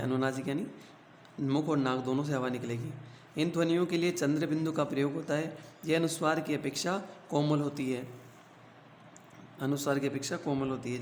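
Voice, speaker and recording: A man teaching a grammar lesson to schoolchildren. He explains slowly, asks the class questions and then answers them himself. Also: a little high. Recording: echoey room with faint hum.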